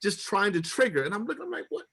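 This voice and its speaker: A man's voice: high-pitched, sing-song, fast, creaky, fairly bright tone, breathy edge. A middle-aged man telling a personal story with feeling, acting out the people he quotes with big jumps in his voice.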